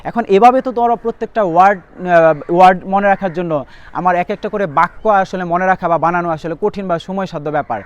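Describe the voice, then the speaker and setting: Fast-talking young male English tutor. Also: high-pitched, smooth, lo-fi sound. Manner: rapid explanatory talk, spells words letter by letter. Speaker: admission test English tutor. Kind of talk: spoken lesson to students.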